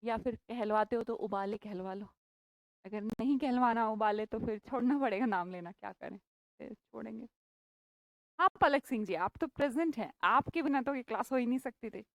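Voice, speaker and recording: A woman's voice: fairly high pitch, moderate pace, dry recording. A woman teaching English vocabulary in a live online class, chatty and playful, teasing her students by name.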